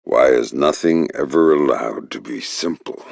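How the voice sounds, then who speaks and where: A gruff, menacing video game operative, middle-aged and wry, takes his time with terse, deadpan lines. The extremely low voice rumbles with gravel and often fades into a breathy growl; the mood is quiet and sardonic, heavily acted, and recorded dry and close with no echo.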